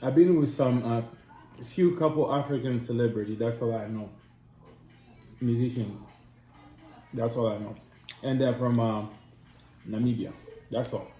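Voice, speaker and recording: A man from Congo chatting casually over a meal, quick to tease and disbelieve. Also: medium pitch. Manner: animated, incredulous teasing. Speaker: mukbang co-host. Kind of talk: casual chat while eating. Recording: roomy echo with music behind.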